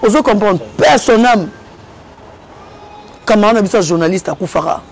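A man's voice: high voice, moderate pace. A man animatedly telling a story as a guest in a casual interview. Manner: lively, switches between Lingala and French.

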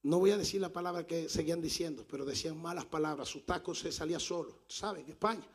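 A man from South America preaching in a church, telling a story in an animated way and breaking into shouts. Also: fairly high pitch, fast talker, creaky, husky. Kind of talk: sermon storytelling.

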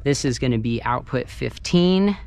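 This sound engineer sounds expressive and a little mellow, speaking mid-range at a moderate pace as he casually talks through a hands-on tutorial while working. Clear, noisy ambience fills the large carpeted banquet hall with its wooden dance floor.

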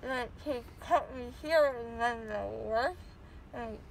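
Loopy young woman fresh from dental work, slow slurry talk thru gauze, whiny, noisy car phone video. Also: on the high side, vocal fry. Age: young adult. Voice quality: slurred, muffled articulation from gauze in mouth. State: numb, stuffed mouth after dental extraction, groggy from anesthesia. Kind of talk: casual rambling chat. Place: inside a car. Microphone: phone held by another occupant.

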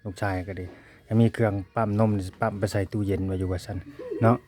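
This man's voice is lowish, flat, and darkish, and he talks fast with an Isan Thai accent. Filming his family at their rural village home, he chats to viewers in a loose running commentary, often calling them brothers and sisters.

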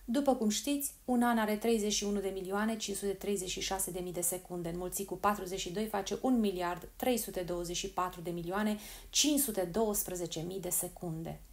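A woman's voice: mid-range voice, lightly acted. A woman reading the lines of a cold, persuasive male agent who sells time savings, calculating and coaxing in an audiobook. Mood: stern.

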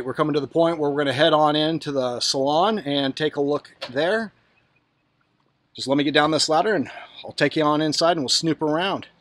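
A man narrates a relaxed boat tour, talking to his viewers as he walks from the deck into the cabin. His voice sits a bit high for a man, and the delivery stays easygoing and conversational. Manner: relaxed, talks to viewers while walking around. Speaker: yacht broker giving a boat tour. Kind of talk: casual walkthrough narration. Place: on a boat, outdoors then in the cabin.

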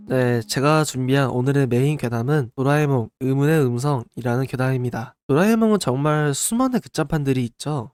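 A man's voice: a little high, a little mellow, no echo. A man hosting a radio-style show, telling urban legends conversationally and explaining them with questions to his listeners. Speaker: radio-style horror story channel host. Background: music behind the voice.

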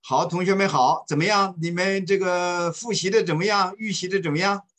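A man teaching an online English class, speaking slowly and patiently and repeating phrases for students to follow. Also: sits high, fairly bright tone. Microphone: video call.

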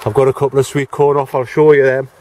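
This casual walk-and-talk vlog features a middle-aged man self-filming his allotment garden outdoors on a handheld camera. He's chatty and plain-spoken, addressing viewers in a fast, flat, medium-pitched voice with a slightly mellow quality.

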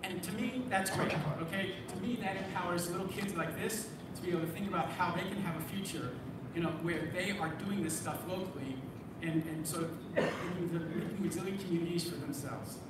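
A man's voice: sits high, fairly quick. Man giving a keynote in an echoey hall. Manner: conversational, asks the audience "okay?". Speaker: keynote speaker. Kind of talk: conference keynote talk. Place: large conference hall. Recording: echoey hall from far off, noisy.

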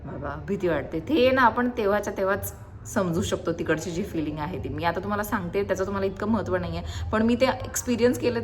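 Young woman with a Marathi accent, home vlogger, chatty and repetitive, light background hiss. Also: lowish voice. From India. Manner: chatty, repeats words, mixes in English and Hindi. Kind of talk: casual home vlog. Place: family home.

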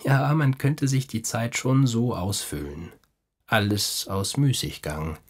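A man voicing a tormented, despairing young man in an audiobook, speaking slowly, haltingly and with anguish. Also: mid-range voice, voice pushed up. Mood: bitter. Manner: slow, halting, anguished delivery.

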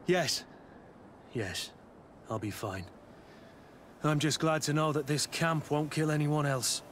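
Video game guard captain: battle-hardened, principled, indignant, fairly high-pitched voice over faint noise. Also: male voice, expressive, slow pace, fairly bright tone. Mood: weary, relieved.

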